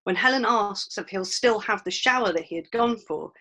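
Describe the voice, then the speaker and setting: A woman presenting a scripted academic analysis in a measured manner. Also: mid-range voice, fairly bright tone.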